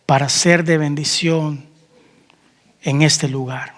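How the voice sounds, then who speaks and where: A man's voice: on the high side, steady tone, takes it slowly, fairly bright tone, long reverb tail. A man preaching a sermon as pastor, asking the congregation questions and calling out amen. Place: church hall.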